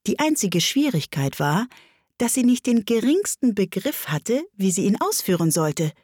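A woman narrating a storybook with an expressive, lively reading. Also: medium pitch, normal speed, no room sound, clean studio sound.

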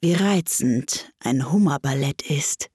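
A woman voicing a weepy, melancholy turtle creature that speaks slowly, low and sorrowfully. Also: lively intonation, dark tone, slightly rough, dry recording, studio quality, exaggerated voice. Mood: mournful. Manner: slow, sighing, low and sorrowful.

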